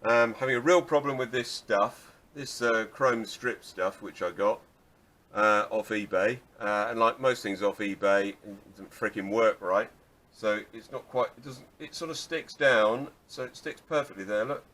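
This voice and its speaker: A man's voice: fairly low pitch, unhurried, fairly bright tone. A man restoring an old car, talking casually through his work with lots of restarts and wry asides. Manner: rambling, self-deprecating, restarts often. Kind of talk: casual workshop how-to vlog.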